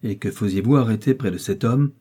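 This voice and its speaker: A man's voice: lowish voice, a little fast, warm tone, breathy edge. A man voicing a cold, cruel prince. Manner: cold, reproachful.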